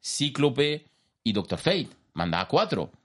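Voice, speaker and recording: An excitable man with a Spanish accent from Spain, chatting about films with lots of energy. His voice sits at an ordinary middle pitch, and he tells his points in a lively, animated way. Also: a little slow. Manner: enthusiastic, animated storyteller. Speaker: film commentator. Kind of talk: casual radio chat.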